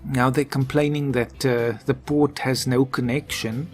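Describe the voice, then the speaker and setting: A man's voice: medium pitch, steady tone, a little slow, a little mellow. A man commentating his own gameplay, musing and thinking aloud as he plays. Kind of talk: let's play commentary. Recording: faint game music behind.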